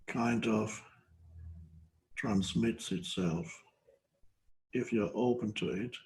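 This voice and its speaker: An older man giving a guided meditation talk as a spiritual teacher, slow and hesitant, with long pauses between phrases. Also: fairly low pitch, a little mellow, poor audio.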